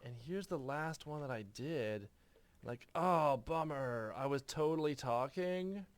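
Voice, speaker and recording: A man's voice: fairly high pitch, lively intonation, unhurried, clean tone, voice pushed up. A man putting on a laid-back young male skater surfer dude voice, drawling slang and filling every sentence with "like" and "dude". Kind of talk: comedic put-on voice in a screen recording.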